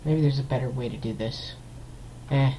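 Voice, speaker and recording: A man talks through his gameplay in a loose, rambling let's-play commentary, stumbling over fillers and restarting his sentences. His voice sits at an ordinary middle pitch. A faint hiss of background noise sits under the desktop mic. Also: normal speed, warm tone, low-quality recording. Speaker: gameplay video host.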